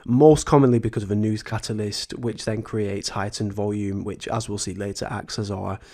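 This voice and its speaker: A man talks through his trading method in a chatty, earnest tutorial, restarting phrases now and then. His voice sits fairly low and sounds a little croaky from a sore throat. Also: steady tone, moderate pace, dark tone. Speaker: trading educator, channel host.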